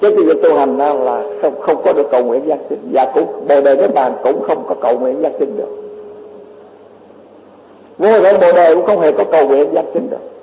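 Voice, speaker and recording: Male Buddhist teacher, high voice, rambling dharma talk with repeated words, dull lo-fi hall recording. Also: fairly quick, slight background noise. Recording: echoey hall, dull lo-fi sound.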